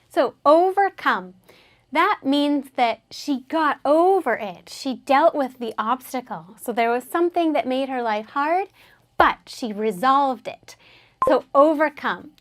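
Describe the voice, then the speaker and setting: A woman teaching an English lesson, patiently explaining words and having learners repeat them after her. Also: high-pitched.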